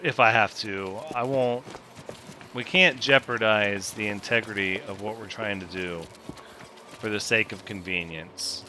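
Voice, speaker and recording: A man's voice: fairly low pitch, unhurried, pushed and bright, slight background noise. A man giving casual gameplay commentary, thinking aloud, counting pieces and joking with himself as he builds.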